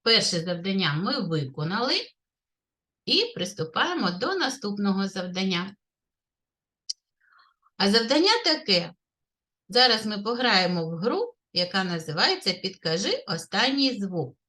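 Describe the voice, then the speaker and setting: Kindergarten teacher, woman, Ukrainian accent, slow sing-song delivery, bright tone. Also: mid-range voice, sing-song. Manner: slow, clear, sing-song teacher talk, praising often. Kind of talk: literacy lesson for young children. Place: kindergarten classroom.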